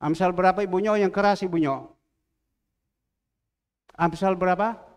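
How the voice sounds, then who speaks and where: A man with an Indonesian accent from Surabaya preaches a sermon into a stage microphone, his voice high for a man. He tells stories and acts out each quoted line, sometimes building to loud preaching. The sound carries a long reverb from a large church hall. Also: moderate pace, clean tone. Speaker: pastor. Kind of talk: sermon with storytelling.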